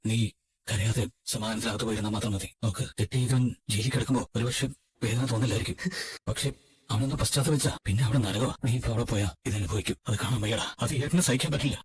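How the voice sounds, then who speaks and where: A man dubbing an earnest, worried elder brother figure who talks fast and persuasively. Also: lowish voice, slightly rough. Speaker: dub voice actor. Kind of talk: fan dub of a TV serial.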